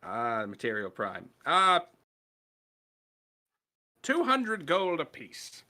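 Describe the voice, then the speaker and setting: Male actor as a gnome tinkerer, brisk and businesslike, higher-pitched and lively. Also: heavily acted.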